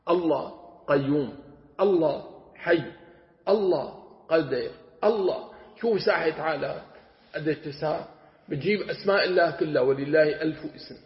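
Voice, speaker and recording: Gravelly sheikh with Levantine accent. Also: male voice, on the high side. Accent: Levantine Arabic. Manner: digressive, asks and answers his own questions. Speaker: sheikh teaching Quranic exegesis. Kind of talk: colloquial religious lesson. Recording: echoey hall, dull lo-fi sound.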